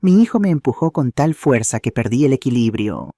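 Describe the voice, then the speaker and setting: A man reading a dramatic first-person story in steady narration. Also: mid-range voice, normal speed, no echo, studio quality.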